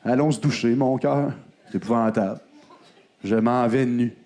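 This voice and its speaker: A man's voice: mid-range voice, normal speed, warm tone, slight background noise. A man with a Québécois accent hosting a live comedy show, teasing the crowd with mock outrage. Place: comedy club stage.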